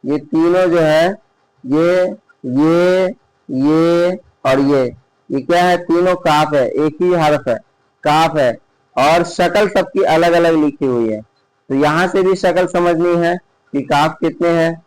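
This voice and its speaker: Male teacher, slightly high clear voice, dry close sound, unhurried, drills letters and quizzes himself. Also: a little mellow, dry recording, poor audio. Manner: patient, drills letter names slowly, asks and answers himself. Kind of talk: online lesson reading letter names. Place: indoor online class recording.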